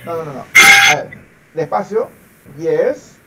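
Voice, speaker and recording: A man's voice: high voice, animated, a little slow, recorded from a distance, heavy background noise. A man teaching an online English class, patiently repeating words and phrases over and over for his pupils. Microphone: video call.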